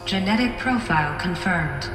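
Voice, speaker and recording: A woman voicing a malfunctioning facility computer, giving flat, clipped, glitching robotic announcements. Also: on the low side, normal speed. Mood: mechanical. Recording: roomy echo with game music.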